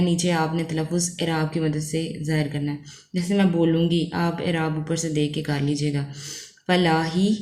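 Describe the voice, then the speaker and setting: A woman's voice: fairly low pitch, mellow, roomy sound. A woman teacher with a Pakistani accent, patiently explaining a lesson step by step and often checking in with her students. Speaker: Urdu teacher.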